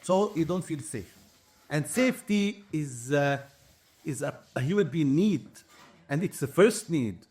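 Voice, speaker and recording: A man in his forties speaks with a Palestinian Arabic accent, his voice sitting a little high for a man. He gives earnest, emphatic testimony in an interview, setting out his points one by one and often repeating words as he finds them. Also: animated, a little slow, darkish tone, husky. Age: 40s. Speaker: activist interviewee.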